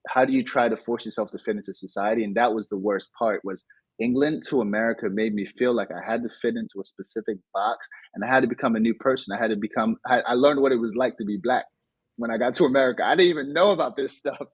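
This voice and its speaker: A Nigerian man, a digital entrepreneur appearing as an interview guest, tells his life story casually and reflectively, often restarting and growing animated as he recounts events. His medium-pitched voice is slightly rough and he talks fast. The recording is rough, with no room sound.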